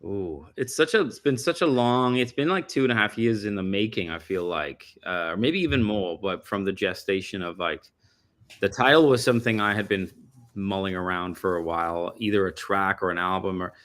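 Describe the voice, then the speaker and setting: A man's voice: deep voice, moderate pace, fairly bright tone. A middle-aged man from Denmark, a musician guest chatting casually in an interview, rambling and correcting himself as he goes. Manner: rambling, self-correcting storyteller.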